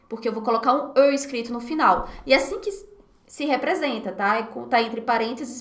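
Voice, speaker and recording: A Brazilian woman teaching a live beginner French class online, animated and drilling words by repetition, laughing often. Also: on the high side, echoey room. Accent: Brazilian Portuguese. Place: home setup at her computer. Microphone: computer mic.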